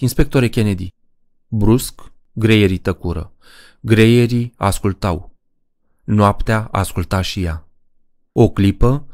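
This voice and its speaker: A man reading a horror story aloud as an audiobook narrator, in a measured, deliberate way. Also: sits low, a little mellow, no echo, clean studio sound.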